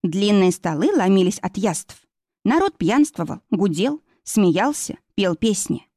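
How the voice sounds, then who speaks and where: A woman's voice: medium pitch, very animated, unhurried, dark tone, no echo. Woman narrating an audiobook, dry close sound. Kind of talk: scripted narration.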